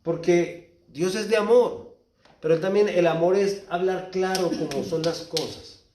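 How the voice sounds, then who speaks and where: Colombian preacher guy, high-ish voice, booming then quiet, roomy church sound. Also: unhurried, distant mic. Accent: Colombian Spanish. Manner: swings between loud exhortation and quiet low asides. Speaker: pastor. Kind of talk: sermon. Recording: echoey church hall, speaker off-mic at times.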